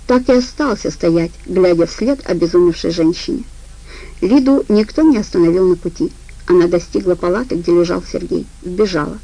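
A woman narrating a crime novel audiobook in a steady, measured way. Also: medium pitch, rough recording. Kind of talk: scripted narration.

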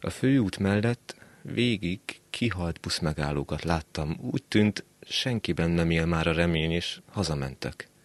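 Deep-voiced man reading a story. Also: expressive, no room sound. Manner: measured, quiet storytelling. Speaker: reader. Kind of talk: literary reading of a short story.

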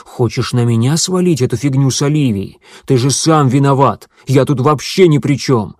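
A man voicing an angry, crude male accomplice who curses and shouts accusations. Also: medium pitch, normal speed, no room sound, studio quality, pitched above the performer's own voice, close to an everyday voice. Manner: loud, cursing, accusing.

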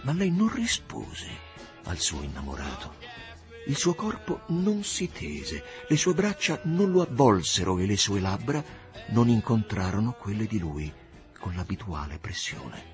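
A man reading a classic novel aloud as narrator, in an expressive, measured storytelling manner. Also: on the low side, over music. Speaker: audiobook narrator. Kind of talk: scripted literary narration.

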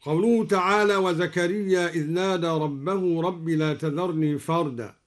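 A man from Egypt giving a radio lesson on recitation variants, calmly explaining each point and then chanting the verse slowly and melodically. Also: on the high side. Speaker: Quran recitation teacher.

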